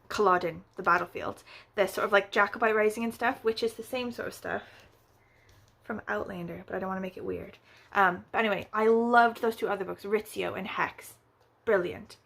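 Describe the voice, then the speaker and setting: A woman with a medium-pitched, creaky, slightly bright voice chats casually about books as a vlogger. She rambles with plenty of fillers and tosses in wry, playfully exaggerated asides.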